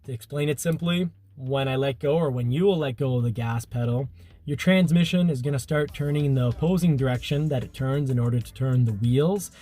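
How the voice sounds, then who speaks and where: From inside a car he's partly driving, a man with a stuffy nose casually explains the vehicle in a warm, mid-range voice that runs a little fast. His sentences often restart with "you know."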